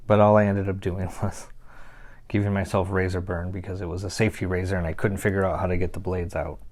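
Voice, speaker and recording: An actor plays a troubled young man confiding a painful past in a confessional, halting dramatic monologue broken by pauses. His voice is low-pitched and darkish, with little pitch movement.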